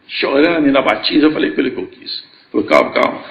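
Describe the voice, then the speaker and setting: An older man from gives a church testimony. He tells it earnestly in a gravelly voice and acts out the dialogue he remembers. The recording is echoey and a little dull, as if taken in a church hall. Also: medium pitch, quick pace. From Brazil. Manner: earnest storytelling, acting out remembered dialogue with rising emotion. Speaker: church elder giving testimony. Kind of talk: spoken religious testimony.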